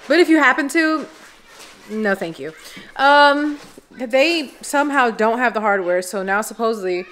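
A young woman chatting casually to her viewers in a home vlog, expressive and talkative. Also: a little high, measured pace, slight background noise. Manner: chatty and expressive, talks straight to viewers as "y'all". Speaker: vlogger. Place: at home, indoors.

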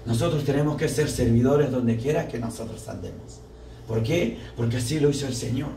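A man's voice: medium pitch, brisk, vocal fry, dark tone. A young man preaching a sermon at a parish group, fervent and full of rhetorical questions to the congregation. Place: church hall. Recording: echoey room, mic far off, faint background noise.

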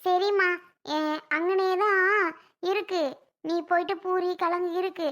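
A performer playing a tired, meek mother-in-law in a family comedy skit, speaking softly and with resignation. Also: extremely high pitch, flat delivery, unhurried. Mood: resigned.

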